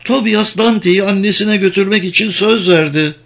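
A man voicing a desperate, hostile young woman captive with a thin, trembling voice, shrill and pleading. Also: normal speed, gravelly, a bit bright, heavily acted. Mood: frantic.

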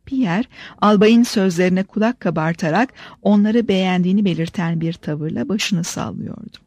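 A woman's voice: medium pitch, no room sound. A woman reading a novel in a dry, close voice. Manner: steady, measured reading. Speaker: audiobook narrator. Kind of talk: scripted narration.

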